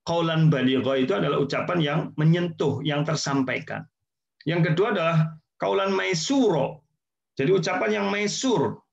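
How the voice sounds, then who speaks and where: Guy teaching a casual sermon, gravelly, kinda higher voice, dull lo-fi audio. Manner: conversational, explains with repetition and asides, chuckles. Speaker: Islamic teacher. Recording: dull lo-fi sound.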